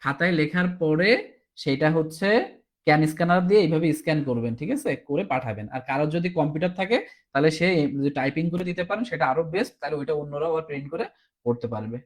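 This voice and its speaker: A man's voice: fairly high pitch, quick pace. A man teaching a recorded exam-prep class, explaining step by step and often asking "ঠিক আছে?", sounding tired. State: tired, low on energy.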